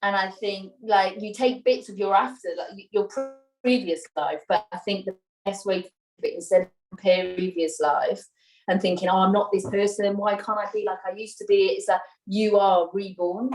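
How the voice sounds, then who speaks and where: A woman's voice: medium pitch, darkish tone, far from the mic. Chatty Welsh woman, roomy and off-mic. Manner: chatty, rambling, with many fillers and restarts. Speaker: interview guest, mother. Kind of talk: casual conversational interview. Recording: roomy sound, voice a little off-mic.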